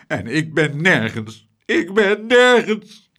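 A man's voice: lowish voice, very animated, normal speed, fairly bright tone. A man voicing a timid, fretful middle-aged husband in an audiobook, whining and self-pitying.

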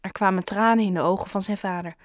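A woman narrating a children's book in a calm, even-toned reading. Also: medium pitch, fast talker, no room sound, clean studio sound. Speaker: audiobook reader. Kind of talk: scripted storybook narration.

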